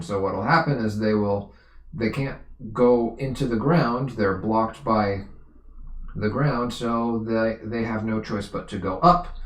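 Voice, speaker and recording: A man's voice: fairly low pitch, echoey room. A man tutoring physics on a live stream, explaining patiently, repeating himself and correcting his own slips as he goes.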